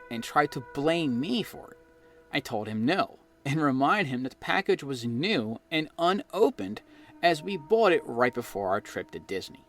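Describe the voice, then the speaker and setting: Background music plays as a guest storyteller, an expressive medium-pitched man from New Jersey, reads out his own spooky true experience. It's personal ghost story narration.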